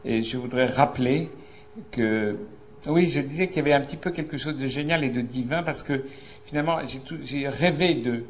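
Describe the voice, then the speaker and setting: An older man, a stage director hosting an evening, introducing a guest to a theatre audience slowly and haltingly, with many fillers. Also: medium pitch, slight background noise.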